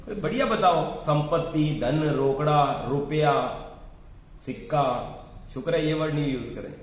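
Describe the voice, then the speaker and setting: A man's voice: fairly high pitch, normal speed. Blunt, scolding interview coach man. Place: home. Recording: very echoey room.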